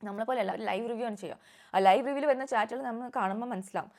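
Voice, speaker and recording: A woman's voice: fairly high pitch, very fast, a little mellow. A young woman giving casual, opinionated vlog commentary on a reality show, mixing in English words.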